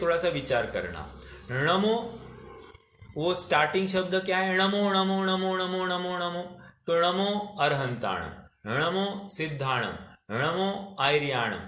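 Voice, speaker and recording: A man's voice: a little high, a bit bright, echoey room. A man teaching a scripture class, explaining patiently, putting questions to his listeners, and mixing English words into his talk. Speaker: religious teacher.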